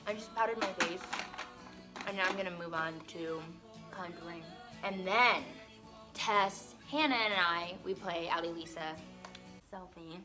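A woman's voice: lowish voice, measured pace. Chatty young woman vlogging over music. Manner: rambling, fills speech with "like". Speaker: vlogger and stage actress. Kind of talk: casual chatty vlog while doing makeup. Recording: music playing under the voice.

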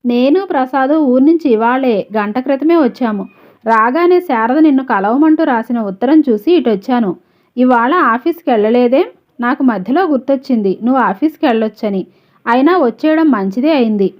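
Hurt proud young wife read by a woman, bitter, highish voice, dull audio. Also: animated, moderate pace. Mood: tired.

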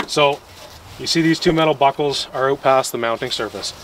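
A camera mic a few steps back catches a young gear maker demonstrating his product by a vehicle in the snow, with outdoor ambient noise in the mix. His voice is mid-range. He's easygoing and hands-on, stopping and starting as he works through the how-to.

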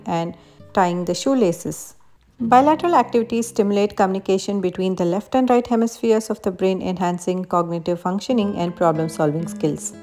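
A woman reading a scripted voice-over that explains activities step by step. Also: mid-range voice. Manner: even, explanatory reading of benefits. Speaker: narrator of a parenting activity video. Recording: voice-over with faint guitar music.

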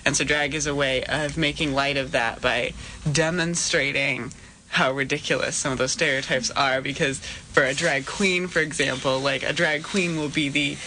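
Student guest, young man, crisp bright tone, thoughtful and articulate. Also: a little high, fairly even intonation, normal speed, a little hiss or hum, low-quality recording. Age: young adult. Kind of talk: casual radio interview. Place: campus radio studio.

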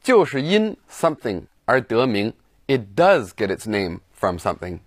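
A man narrating a scripted language lesson, explaining phrases clearly and shifting between two languages. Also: medium pitch, sing-song, normal speed, slight background noise. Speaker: language teacher host.

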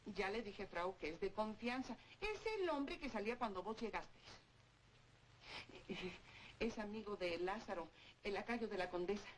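A woman's voice: medium pitch, animated, normal speed, close to an everyday voice. An actress playing a chatty, confiding tavern woman in an old gothic horror film. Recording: faintly noisy old film soundtrack.

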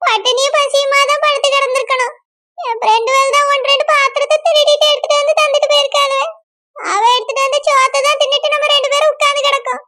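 A woman's voice: extremely high pitch, level tone, fast, sharp tone. A woman voicing an anxious young bride with a Kanyakumari accent, fretful and self-blaming. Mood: worried. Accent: Kanyakumari Tamil. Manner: fretful, pleading questions.

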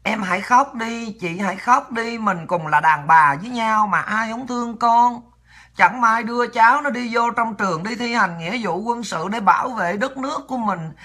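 A woman with a Southern Vietnamese accent mimicking a female party official who consoles a grieving mother in a soft, slow, mock-sympathetic voice. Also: on the high side. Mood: mock soothing.

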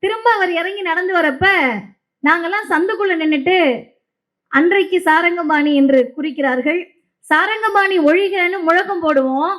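A woman's voice: extremely high pitch, normal speed, a bit bright, low-quality recording. A woman giving an impassioned, emphatic stage speech to a crowd, repeating key lines. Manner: impassioned, emphatic oratory with repetitions. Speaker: public speaker.

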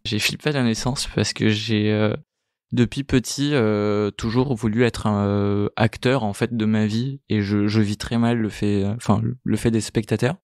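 Man in his thirties, halting. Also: fairly low pitch, steady tone, darkish tone, no room sound, studio quality. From Italy. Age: 30s. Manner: hesitant, many fillers and repeated words. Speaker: guest, startup co-founder. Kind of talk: casual interview answers.

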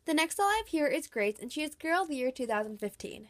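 Talking fast with a high-pitched voice and big pitch swings, a doll collector vlogger who has a cold delivers a scripted, chatty, upbeat voice-over. The young woman is showing her dolls' outfits.

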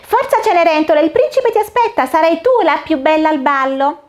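A woman's voice: high voice, brisk, darkish tone, voice pushed up, lightly acted. A woman voicing a bustling, cheerful fairy godmother who urges everyone on in a sing-song voice. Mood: bubbly, urgent. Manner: sing-song, urging and exclaiming.

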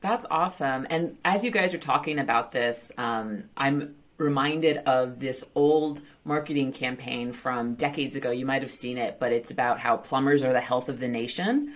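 A woman's voice: rumbling low, moderate pace. A woman hosting a podcast interview, chatty and jokey, laughing at her own slips and restarting sentences. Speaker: podcast host. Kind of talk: casual interview chat.

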